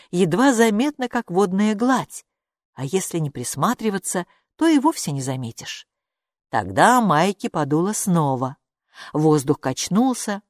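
A woman narrating a children's storybook with expressive, lively delivery. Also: lowish voice, dry recording, studio quality. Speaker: audiobook narrator.

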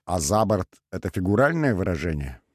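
A man voicing a huge, gruff, superstitious male ship's shaman in an audiobook, speaking in a menacing booming bass. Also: very animated, a little fast, no echo, studio quality. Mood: accusing.

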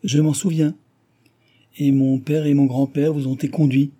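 A frightened, defiant young heroine, put on by a male reader in a storybook reading, indignant and crying out in terror. The voice is lifted and loud against the reader's usual dark, husky tone. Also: on the high side, flat delivery, moderate pace, pitched above the performer's own voice, lightly acted.

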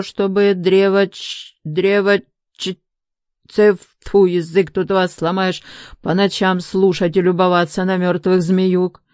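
Woman voicing a blustering, yelling male guest. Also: fairly low pitch, no echo, studio quality, natural voice. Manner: blustering, shouting, threatening. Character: loud indignant middle-aged male resort guest.

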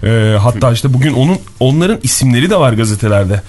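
A man's voice: medium pitch, animated, quick pace, a little mellow. A man co-hosting a morning radio show, joking and teasing his colleagues in casual studio banter.

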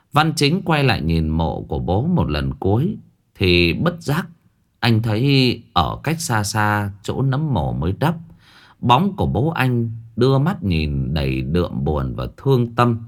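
A man narrating a scripted ghost story in a dramatic storytelling manner, dropping his voice low for the eerie parts. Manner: dramatic, lively storytelling with sudden hushed drops.

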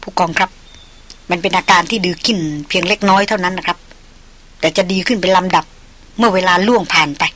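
A woman voicing a stoic male tracker who speaks in a low murmur, almost a whisper. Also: fairly even intonation, quick pace, long pauses, fairly bright tone, a little hiss or hum, lightly acted. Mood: hushed.

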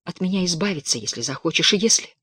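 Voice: mid-range voice, expressive, quick pace, a bit bright, husky, no room sound. A reader voicing a remorseful, pleading young woman in a dramatic audiobook reading, tearful and imploring. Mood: imploring, despairing.

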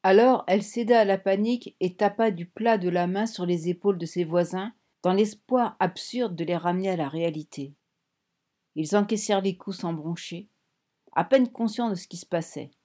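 A woman reading a novel aloud in measured, vivid scripted narration. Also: lowish voice, mellow. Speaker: audiobook narrator.

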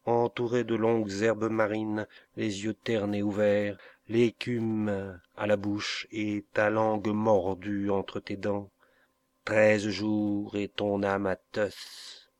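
A man reading an audiobook, voicing a vengeful old woman who curses a young pirate in a slow, drawn-out, menacing way. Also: lowish voice, fairly even intonation, no room sound. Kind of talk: audiobook character voice.

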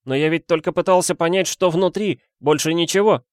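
A man's voice: on the high side, a little fast, no echo, studio quality, voice pushed up, close to an everyday voice. A man voicing a panicky young male fugitive who pleads and wails his innocence in a rush of words. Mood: pleading. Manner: frantic, wailing, words tumbling out.

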